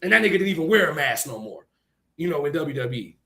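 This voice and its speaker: A man co-hosting a casual podcast chat, ranting in a heated, profane way, often shouting and breaking into laughter between points. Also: a little high, big pitch swings, fast talker, vocal fry. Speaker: podcast co-host.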